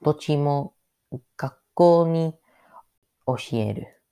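Very slow-talking man, halting learner's speech. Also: a little high, vocal fry, warm tone, clear, resonant tone. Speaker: podcast host. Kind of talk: solo podcast monologue.

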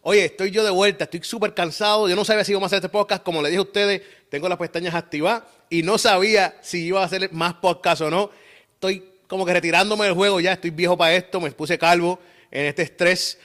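A man's voice: high-pitched, steady tone, fast, a bit bright. A man with a Puerto Rican accent hosting a casual podcast interview, hyped and playful, full of slang. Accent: Puerto Rican Spanish. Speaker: podcast host.

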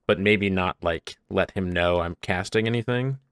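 Male player at the table, halting and casual; low voice, dry sound. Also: clean tone, dry recording. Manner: casual, hesitant, filler-heavy. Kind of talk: playing a tabletop game.

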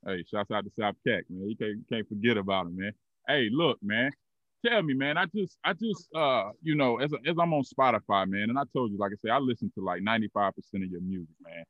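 In a casual interview, a man in his 30s hosting a podcast rambles through his questions in a loose, laid-back way, using many fillers. His voice is lowish and a little fast, and the recording is muffled with no room sound.

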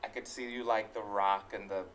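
A man's voice: fairly low pitch, flat delivery, moderate pace, fairly bright tone, a little hiss or hum. A man hosting a casual studio interview, talking conversationally in short bursts. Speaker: talk show host, interviewer.

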